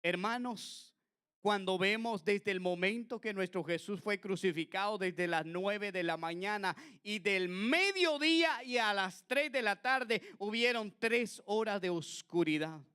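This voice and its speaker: A man preaching a sermon earnestly, turning to the listener with frequent asides and swinging between loud exclamations and quiet passages. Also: high-pitched, a little slow, clean tone. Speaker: pastor.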